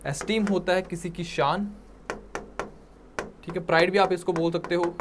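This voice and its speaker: High-voiced Punjabi man teaching vocabulary. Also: level tone, noisy background. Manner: mixes Hindi and English, checks in with "ठीक है?" and "right?"; repeats words slowly for emphasis. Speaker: English teacher. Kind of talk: exam-prep vocabulary lecture.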